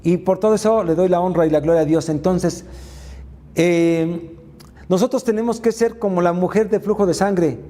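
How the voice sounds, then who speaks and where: A man's voice: high voice, normal speed, mellow, big-room sound. A man giving a motivational faith talk, retelling Bible stories with frequent filler sounds. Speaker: faith mentor and speaker.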